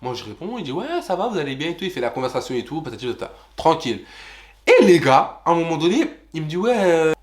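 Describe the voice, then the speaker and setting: High-voiced man telling a lively storytime. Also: fast talker. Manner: animated, addresses viewers as "les gars", jumps into high voices for quotes. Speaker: vlogger. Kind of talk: storytime vlog.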